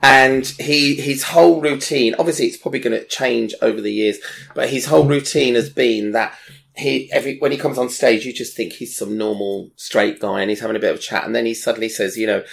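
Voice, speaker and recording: A man's voice: medium pitch, steady tone, a little fast, vocal fry, fairly bright tone. A man chatting enthusiastically as a presenter, rambling with fillers as he recommends people. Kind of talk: casual chat recommending online creators.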